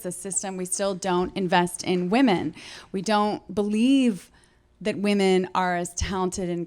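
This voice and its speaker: A woman's voice: fairly low pitch, a little mellow. A woman filmmaker speaking on a panel, earnest and emphatic, repeating phrases for stress. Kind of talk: panel discussion. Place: event panel before an audience.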